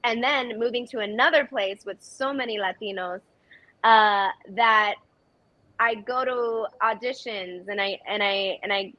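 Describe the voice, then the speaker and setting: A woman's voice: mid-range voice, unhurried, no room sound, muffled recording. A woman actress giving earnest, reflective interview answers with frequent restarts. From United States. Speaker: actress, guest.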